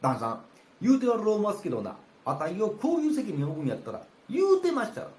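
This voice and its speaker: A man's voice: sits high, huge pitch swings, fast talker, darkish tone, pitched above the performer's own voice. A man voicing a snobbish, boastful male guest in rakugo storytelling, with a Kansai accent and drawling, scornful complaints. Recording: roomy with faint ambience.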